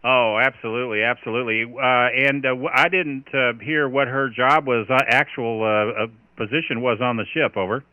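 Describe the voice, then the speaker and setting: A man's voice: mid-range voice, steady tone, normal speed, hardly any pauses, slight background noise. A man running an amateur radio net in marine radio style, chatting with procedural call signs over a two-way radio. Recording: dull, band-limited radio audio.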